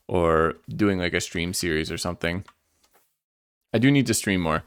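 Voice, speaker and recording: A man's voice: sits low, smooth, no room sound. A young man streaming a game, chatting casually and sleepily, rambling and thinking aloud with lots of fillers. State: sleepy, yawning. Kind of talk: casual livestream gameplay chat.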